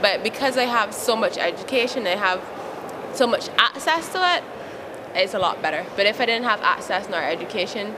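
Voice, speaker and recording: A woman's voice: mid-range voice, expressive, normal speed. A young woman from Barbados with a Barbadian accent, speaking frankly and laughing often as she answers interview questions outdoors. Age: young adult. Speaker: interviewee, youth advocate. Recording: outdoor recording with traffic noise.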